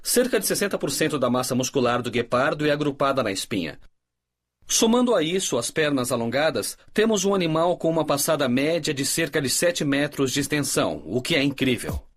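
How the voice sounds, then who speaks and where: A man's voice: fairly high pitch, animated, fairly quick. A man with a Brazilian accent giving explanatory expert commentary for a documentary. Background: faint music.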